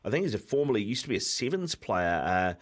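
A man's voice: fairly low pitch, very animated, fast. A man co-hosting casual sports banter in a colloquial, joking, matey manner.

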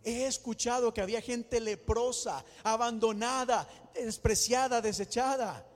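A preacher acting out a blind beggar, full of longing and desperation, his voice high for a man. The hushed wonder breaks into cries for mercy, ringing in a church hall with soft music underneath. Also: a little slow. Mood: wistful awe.

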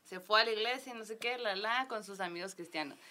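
Mexican woman, co-host, bright voice, lively and slangy as she retells a story. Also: mid-range voice. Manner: lively, slangy, quick asides. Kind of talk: casual storytelling.

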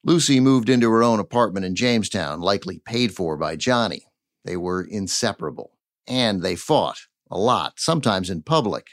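A man's voice: deep voice, no echo, clean studio sound. A man hosting and narrating a scripted audio documentary. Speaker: podcast host and narrator. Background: faint music.

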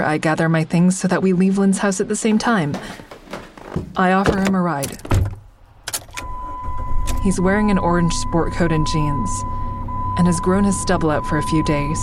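Against a noisy background, a woman with a lowish voice plays an awkward, smitten survivor narrating her own story in an audio drama. She sounds nervous and confiding, with a self-deprecating edge.

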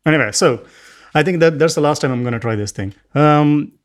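A man's voice: on the high side, fairly quick. A man hosting a podcast in an informal, joking way. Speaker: podcast host. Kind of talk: casual podcast conversation.

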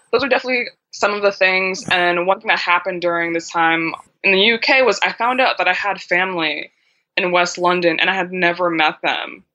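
A woman with a bright, forceful voice chats as an interview guest. She tells her stories with energy and acts out what others said. The sound is a little muffled and lo-fi. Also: fairly low pitch, normal speed. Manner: animated storyteller, acts out quoted dialogue. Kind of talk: casual interview conversation. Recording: dull lo-fi sound.

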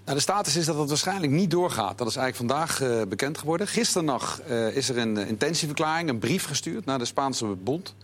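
A man's voice: medium pitch, lively intonation, a little fast, few pauses, a bit bright. A man reporting on football news at a talk-show table, explaining the details thoroughly with wry asides. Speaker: football correspondent. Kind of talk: explanatory report in casual chat.

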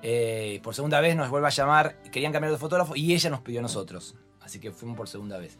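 A man with an Argentine accent, a fashion photographer being interviewed, telling lively anecdotes and acting out voices. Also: medium pitch, fast, faint music behind. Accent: Argentine Spanish. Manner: expressive storyteller, acts out voices. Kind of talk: animated anecdotal chat.

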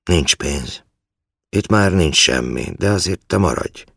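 A man voicing a frail, sniffling old man who talks in a calm, coaxing way. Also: rumbling low, vocal fry, husky, no room sound, studio quality, pitched above the performer's own voice, heavily acted. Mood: pleading.

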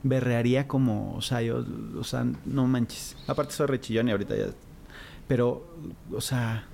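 Guy hosting, gravelly voice, lots of quick "sí, claro" type reactions, bit of hum behind. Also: medium pitch, fairly even intonation, darkish tone. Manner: short reactive interjections and affirmations. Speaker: host. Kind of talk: casual chat.

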